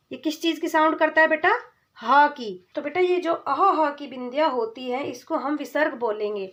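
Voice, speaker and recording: A woman gives a children's lesson on vowel signs in a fairly high voice. She moves slowly and patiently. She asks a question, answers it herself, and warmly calls the child "beta". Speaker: teacher. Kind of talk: slow children's Hindi lesson.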